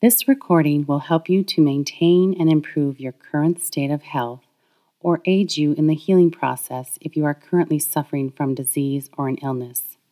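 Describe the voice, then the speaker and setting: A woman reading a guided healing meditation, speaking slowly and softly in soothing affirmations. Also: sits low. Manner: slow, soft, soothing affirmations.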